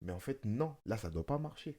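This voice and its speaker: A man speaks at a medium pitch in casual conversation, with a lisp that softens his s into a slushy sound. He is emphatic, doubles back on his phrases and keeps checking he is being followed. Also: big pitch swings, brisk. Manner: emphatic, repetitive, often checking the listener follows. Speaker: stage actor, guest.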